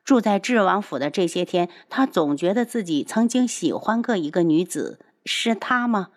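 一位女性朗读者平稳地讲述言情小说。. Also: female voice, medium pitch, animated, normal speed. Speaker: audiobook narrator. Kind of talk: scripted narration.

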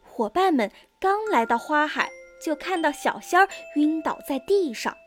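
High-voiced woman telling a kids' story. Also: animated, moderate pace, faint music behind. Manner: bright, storybook. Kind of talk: children's story narration.

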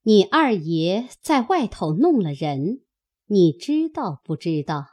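A woman's voice: medium pitch, sing-song, slow pace, dark tone. A woman reading as a scornful, commanding noblewoman. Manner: cold, scornful, imperious. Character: sharp, commanding noblewoman of the household.

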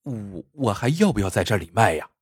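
A man's voice: on the low side, very animated, brisk, breathy edge, dry recording, clean studio sound, pitched below the performer's own voice. A man voicing a humble, flustered middle-aged male popcorn vendor who stammers and hesitates. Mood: anxious.

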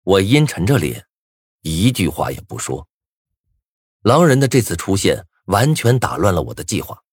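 A man's voice: sits low, very animated, moderate pace, husky, no echo, studio quality. A man narrating a suspenseful first-person story in a tense storytelling voice.

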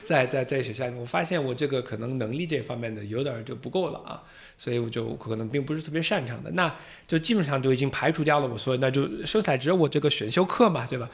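A man's voice: mid-range voice, fast, vocal fry. A man from the United States, a native English speaker with an American accent, chatting as a podcast guest. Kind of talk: casual interview talk.

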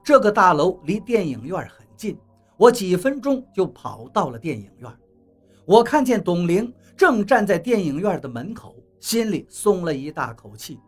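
Audiobook narrator, woman, husky and animated, soft music bed. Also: lowish voice, normal speed. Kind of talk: novel narration. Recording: faint background music.

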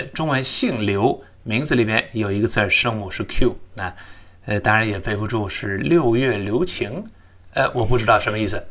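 Bright-voiced teacher. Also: male voice, medium pitch. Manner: chatty, explains sounds by modeling them aloud. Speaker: English teacher. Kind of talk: recorded English pronunciation lesson.

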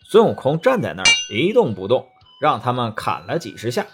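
A man narrating a children's story in a lively, expressive way. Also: medium pitch, a little fast, loud music behind the voice.

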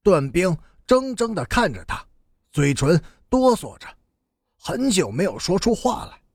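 A man's voice: high voice, sing-song, measured pace, darkish tone, slightly rough, no echo, studio quality. A man reading a novel aloud with vivid, dramatic storytelling. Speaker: audiobook narrator.

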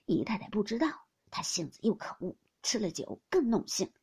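A woman voicing a fussy, grumbling old female wet nurse who complains loudly and sounds aggrieved, in a storybook reading. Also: medium pitch, sing-song, normal speed, slightly rough, heavily acted.

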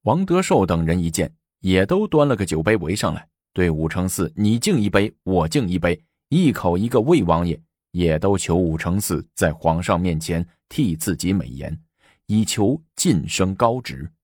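A man narrating a historical tale with an animated, dramatic delivery. His voice is low, and his pitch swings widely from line to line. The recording is close and dry. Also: moderate pace, husky, dry recording. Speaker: storyteller. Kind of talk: storytelling narration.

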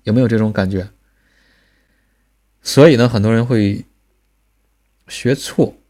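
Low-voiced male language teacher. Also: dark tone. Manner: patient, drills sounds slowly with repetition. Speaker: Korean pronunciation teacher. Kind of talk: recorded language lesson.

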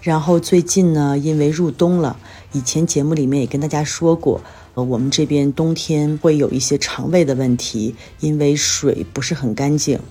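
A woman's voice: sits low, fairly even intonation, normal speed, hardly any pauses, mellow, breathy edge. A woman from China hosting a casual solo podcast, chatting and telling everyday stories while sounding a bit tired and under the weather. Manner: chatty storytelling. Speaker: podcast host. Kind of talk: casual solo life-update monologue.

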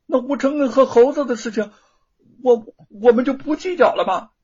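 A man's voice: very high voice, normal speed, husky, voice pushed up. A man voicing a jealous, hotheaded young rich man. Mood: indignant. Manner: loud indignant outbursts. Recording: dull lo-fi recording.

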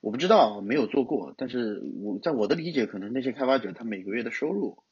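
A man's voice: medium pitch, lively intonation, fast, a little mellow, husky, no echo. A man who is a guest on a casual tech chat, teasing and thinking aloud. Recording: dull lo-fi sound.

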